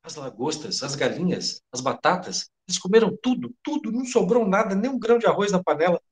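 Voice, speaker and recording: A man's voice: high voice, sing-song, brisk. A man with a Brazilian Portuguese accent reading the part of a frightened head cook who babbles breathlessly and swears by his mother. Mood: panicked. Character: panicked middle-aged male head cook.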